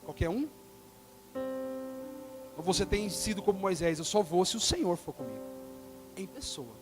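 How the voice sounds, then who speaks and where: A man preaching a sermon, acting out quoted dialogue and swinging between loud bursts and soft, quiet lines. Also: high voice, sing-song, moderate pace, music in the background.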